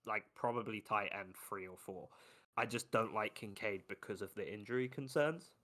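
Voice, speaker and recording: A man's voice: fairly low pitch, moderate pace, fairly bright tone. A man co-hosting a podcast, talking sports in a blunt, casual way and swearing freely. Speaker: podcast co-host. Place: lives in Ohio.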